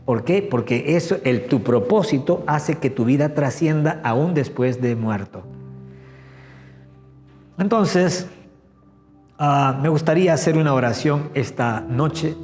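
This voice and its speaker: A man's voice: fairly high pitch, slow pace, darkish tone. A man, a pastor delivering a sermon earnestly and often asking rhetorical questions. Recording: long hall reverb with faint music.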